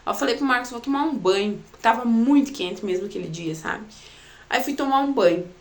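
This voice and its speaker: A woman's voice: fairly high pitch, animated, a little fast. Chatty Brazilian woman telling a story. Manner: chatty, addresses listeners as "gente", frequent "né" and "sabe". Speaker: mother telling her birth story. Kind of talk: casual personal storytelling.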